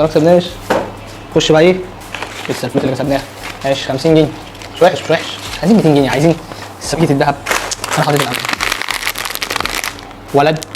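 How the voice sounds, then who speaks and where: An excitable man with an Egyptian Arabic accent rattles through a snack unboxing challenge at a fast clip. He repeats words in quick bursts. Wrappers crinkle and click clearly behind him. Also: fairly high pitch, noisy background. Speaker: food challenge vlogger. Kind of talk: casual unboxing challenge chat.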